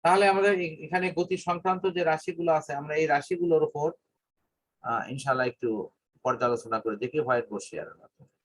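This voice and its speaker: A man teaching physics in an online whiteboard lesson, speaking in a measured, halting way with long pauses and English terms mixed in. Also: on the high side. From Bangladesh.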